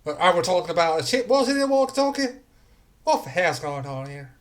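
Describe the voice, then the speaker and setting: Man as frontier townswoman, game character, folksy, flustered, slightly high voice, rambling. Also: sing-song, a little fast. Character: folksy, easily baffled townswoman shopkeeper Hannah in a frontier settlement. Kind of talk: improvised tabletop role-play.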